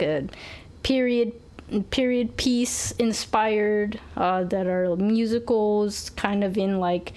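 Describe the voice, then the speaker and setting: A woman's voice: lowish voice, a little mellow. A woman co-hosting a casual movie review podcast, speaking hesitantly with lots of fillers and little laughs. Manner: hesitant, giggly, many fillers. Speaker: podcast co-host.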